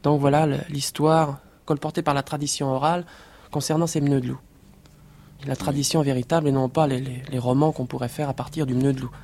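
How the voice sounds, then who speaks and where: A man who collected oral tales, explaining a rural tradition in a measured way. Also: mid-range voice, flat delivery, darkish tone. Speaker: folklore collector.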